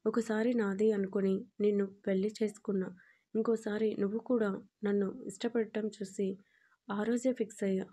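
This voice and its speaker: Teasing, doting young husband, read by a woman storyteller; warm, level delivery for an audio story. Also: medium pitch, flat delivery, normal speed, natural voice. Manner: playful and doting.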